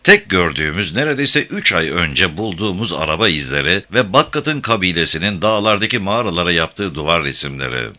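A spirited, tender young pioneer woman speaks in a lightly raised, feminine lilt, voiced by a male narrator. She sits in a storybook read aloud, her tone bright and sharp. Her delivery swings widely in pitch. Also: big pitch swings, a little fast, few pauses, heavily acted. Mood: reflective.

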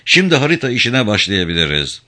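A man voicing a restless, driven man who plans out loud. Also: on the low side, sing-song, quick pace. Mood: planning.

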